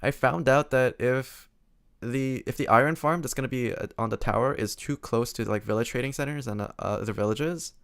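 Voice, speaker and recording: A man streaming games, chatting casually in a quiet, low-energy way as his voice starts to go hoarse. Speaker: game streamer.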